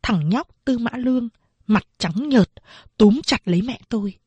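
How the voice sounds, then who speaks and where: Brief: woman narrator, slow, fairly high voice, dry sound. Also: animated, dark tone, breathy edge, no room sound. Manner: slow, measured storytelling. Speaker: audiobook narrator. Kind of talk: scripted narration of a novel.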